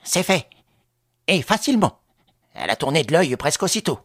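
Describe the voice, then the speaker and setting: A man's voice: fairly high pitch, moderate pace, no room sound, clean studio sound, voice pushed up, exaggerated voice. A man putting on a honeyed, scheming woman. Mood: cold. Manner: honeyed, ingratiating, then flatly callous. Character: scheming middle-aged woman, falsely sweet then cold.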